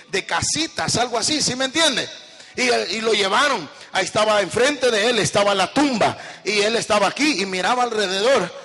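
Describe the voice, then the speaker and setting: A high-voiced, sharp-toned pastor preaches a fervent sermon, putting call-and-response questions to his congregation. The recording comes from an echoey church hall with long reverb.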